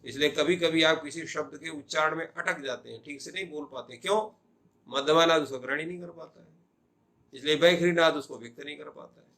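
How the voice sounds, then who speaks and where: A man's voice: a little high, brisk, sharp tone. Older man giving a Sanskrit grammar lecture. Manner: explanatory, asks and answers his own questions.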